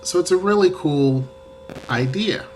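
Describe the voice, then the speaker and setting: A man's voice: sits high, expressive, unhurried, a little hiss or hum. A man talking casually to a camera in a vlog, rambling and correcting himself as he goes. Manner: rambling, self-correcting, conversational. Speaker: vlogger. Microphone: camera facing the speaker.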